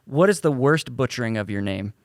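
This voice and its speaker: A man co-hosting a church podcast in casual, animated chat, laughing often. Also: medium pitch, brisk, heavy background noise. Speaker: podcast co-host.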